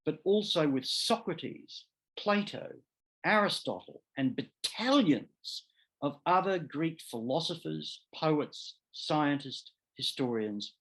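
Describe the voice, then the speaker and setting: A middle-aged man, a law professor, giving an academic seminar lecture in a deliberate, emphatic way that often restates and corrects itself mid-phrase. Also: on the high side.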